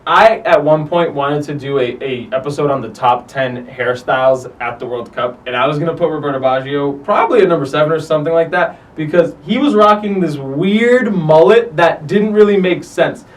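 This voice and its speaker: A man's voice: on the high side, normal speed, few pauses, recorded from a distance, low-quality recording. A man hosting a soccer countdown show, commenting casually and animatedly on footage, swearing freely. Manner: animated, profane, acts out players' lines.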